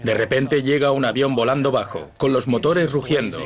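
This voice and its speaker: A man's voice: medium pitch, normal speed. Dramatic male documentary narrator. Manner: vivid, dramatic retelling. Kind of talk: scripted narration. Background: background music.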